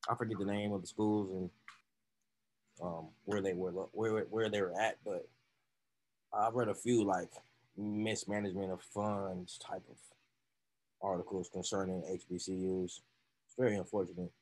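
Deep, husky man speaking tentatively. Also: level tone, darkish tone, low-quality recording. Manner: tentative, halting. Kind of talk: casual discussion.

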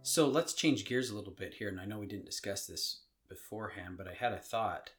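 Over loud music, a middle-aged man with a lowish voice co-hosts a casual podcast about marriage. He speaks thoughtfully but haltingly, frequently restarting his sentences.

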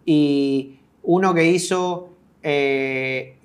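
This Argentine man in his thirties speaks extremely slowly in a voice on the high side. He's a guest digital marketing expert, explaining things casually and checking in with listeners.

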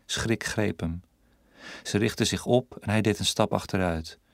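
Deep-voiced man narrating a story. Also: a little slow, creaky, no echo, clean studio sound. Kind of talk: audiobook narration.

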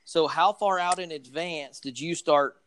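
A man's voice: fairly high pitch, unhurried, smooth. A man hosting a casual interview, asking loose questions padded with fillers. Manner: relaxed, filler-heavy questions. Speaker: host.

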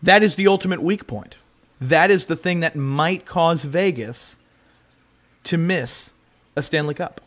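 A man hosting a hockey talk show, opinionated and emphatic, jumping up in pitch to drive points home. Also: measured pace, a bit bright. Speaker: sports talk host.

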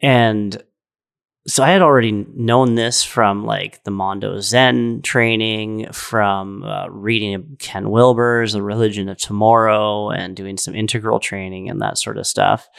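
Gravelly low-voiced man, earnest and rambling. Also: a bit bright. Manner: rambling and earnest, full of "like" and "right?". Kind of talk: casual spiritual storytelling.

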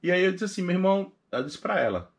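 A young man with a Pernambuco accent, a podcast guest in casual chat, telling his story with animated retellings of past conversations. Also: high voice, fast, creaky. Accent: Pernambuco Portuguese. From Recife, northeast Brazil. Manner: animated, acts out past conversations in quoted voices.

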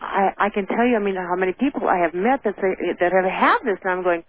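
Halting woman caller on a tinny phone line. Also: medium pitch, no echo. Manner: halting, repeats words, nervous laughs. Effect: heard over the phone. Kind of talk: call-in radio conversation.

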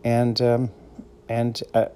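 Mid-range, mellow, and clean in tone, the man speaks slowly and in a monotone. He's a middle-aged podcast host from the Boston area with a Boston accent, taking his casual solo show in a meandering, conversational direction as an easygoing storyteller.

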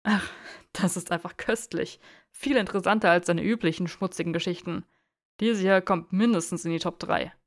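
Woman reading as smug young male wizard, teasing, amused, low-pitched for a woman, audiobook. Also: moderate pace, no room sound, clean studio sound, natural voice.

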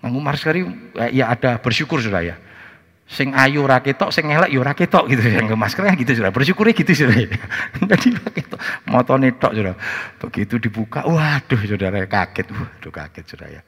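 Husky pastor in a reverberant hall. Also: male voice, mid-range voice, fast talker. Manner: animated, switches into Javanese phrases, often addresses listeners. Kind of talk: sermon with storytelling.

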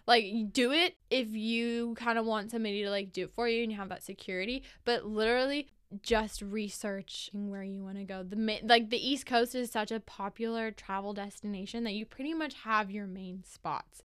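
A woman's voice: medium pitch, moderate pace, fairly bright tone, clear, resonant tone. A young American woman hosting a casual solo storytelling podcast, chatty and emphatic, swearing freely. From United States. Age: young adult. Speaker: podcast host.

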